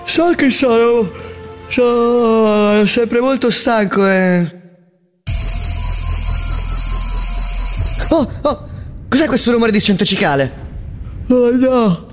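Man as a high-voiced, hapless whining patient. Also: slow pace, music in the background. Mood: weary, alarmed. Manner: plaintive, earnest. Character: hapless, plaintive male patient with absurd ailment. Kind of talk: mock documentary testimonial.

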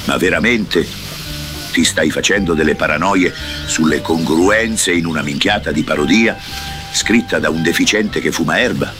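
Deep-voiced cranky old mountain grandpa played by a man. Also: moderate pace, over music, lightly acted. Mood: gruff. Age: older. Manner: grumpy, vulgar, threatening. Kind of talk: parody cartoon dub.

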